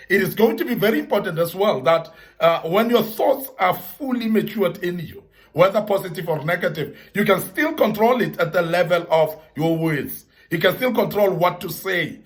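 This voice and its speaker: A man giving an earnest motivational talk to young men, repeating key points for emphasis and citing the Bible. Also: high voice.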